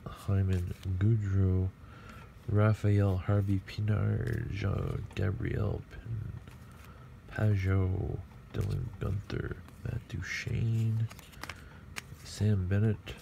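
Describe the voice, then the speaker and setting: A middle-aged man casually murmuring player names as he opens hockey card packs at a table, clearing his throat often. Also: lowish voice, level tone, drawn-out words, highs cut off, noisy background. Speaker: card collector opening packs. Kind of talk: casual pack-opening commentary. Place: indoor table at home.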